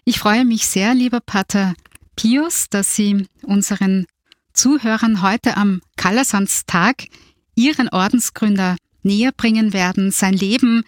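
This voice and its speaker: A woman's voice: mid-range voice, measured pace, no echo. Courteous woman radio host, dry studio. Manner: formal and courteous, reads a scripted introduction. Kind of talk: radio interview hosting.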